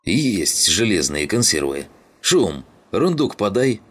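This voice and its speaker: Man doing a gruff, bossy scavenger leader. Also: rumbling low, measured pace, fairly bright tone. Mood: commanding. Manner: rough, swearing, barking orders.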